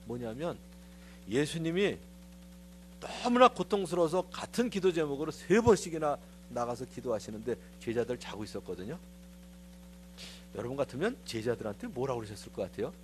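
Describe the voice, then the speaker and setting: A man's voice: mid-range voice, brisk, faint music behind. A middle-aged man, a pastor, giving a conversational sermon in a church, telling stories in a confiding, personal way. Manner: animated storytelling, acting out quoted voices. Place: church sanctuary.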